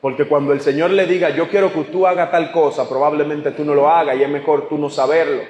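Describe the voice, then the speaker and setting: High-voiced preacher in an echoey church. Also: male voice, fairly even intonation, a little fast, a little mellow, dull audio, a little hiss or hum. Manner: emphatic, rhetorical questions to the congregation. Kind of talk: sermon. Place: church sanctuary.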